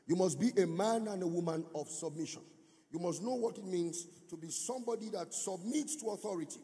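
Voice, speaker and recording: High-voiced preacher in a reverberant hall. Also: male voice, a little fast, mellow. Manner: preaching with sung, rising emphatic phrases and call-and-response. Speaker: pastor. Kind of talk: conference sermon teaching. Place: large church or conference hall.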